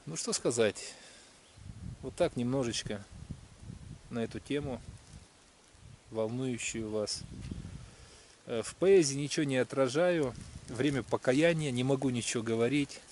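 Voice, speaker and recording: A man talks to camera outdoors in the countryside, musing on faith. He speaks in a middling voice, hesitant and full of pauses and fillers. Faint outdoor noise sits behind him. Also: mid-range voice, darkish tone. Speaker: vlogger. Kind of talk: casual spiritual musing to camera. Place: outdoors in a rural area.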